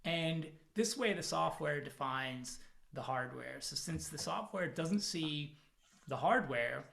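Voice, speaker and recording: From his home one evening, a product manager addresses a technical conference over video call in a fairly high, creaky voice. He speaks slowly, keeping it casual and self-deprecating with many filler words.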